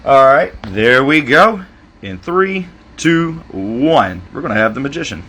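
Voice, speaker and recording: A middle-aged Southern man hosts a casual livestream interview, folksy and effusive, thanking his guests at length. His medium-pitched voice swings widely in pitch at a measured pace, sounding pushed and bright over a little hiss or hum.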